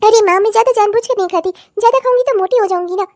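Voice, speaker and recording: A spoiled young stepsister in a cartoon, voiced by a woman, boastful and giggling. She speaks quickly in a very high, bright voice. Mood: sweet. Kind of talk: cartoon voice acting.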